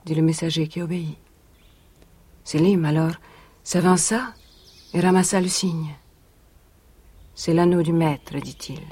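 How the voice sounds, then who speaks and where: A young former captive telling a grim tale, husky, slow and solemn, old radio play. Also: female voice, lowish voice, a little mellow. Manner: measured, solemn recounting. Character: young woman, former captive, grave storyteller. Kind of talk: 1980s radio drama. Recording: vintage radio recording.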